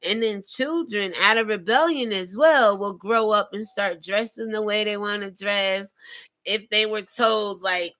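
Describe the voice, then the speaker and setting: A woman's voice: medium pitch, unhurried, a bit bright. A woman hosting a live call-in show, giving informal, emphatic commentary and speaking directly to her listeners.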